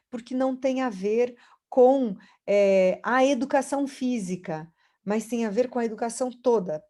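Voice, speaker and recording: A woman's voice: mid-range voice, warm tone. A woman university lecturer giving an online lecture over a video call, explaining step by step and often rephrasing herself mid-sentence.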